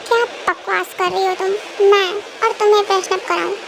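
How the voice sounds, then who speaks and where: Bossy young mafia-king husband voiced by a woman, fairly high and gravelly, impatient; noisy home recording with traffic behind. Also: steady tone, a little fast. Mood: irritated. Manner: scolding, impatient commands.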